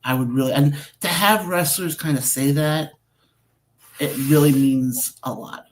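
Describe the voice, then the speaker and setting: A man's voice: a little high, unhurried, a little hiss or hum, low-quality recording. A man hosting a wrestling radio show, asking questions and telling stories in a chatty way. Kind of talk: casual interview talk.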